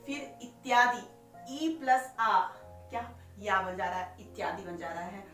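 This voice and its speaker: With a mid-range, fairly bright voice, lively intonation and a measured pace, a woman walks through a grammar lesson step by step in classroom fashion. She quizzes herself with rhetorical questions, repeats each step, and draws out sounds as she spells them; she's recorded far from the mic in an echoey room with faint music.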